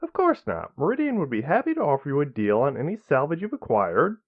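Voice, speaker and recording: A man's voice: on the high side, huge pitch swings, brisk, phone-quality sound, voice pushed up, full character voice. A man voicing a cool, condescending male corporate representative.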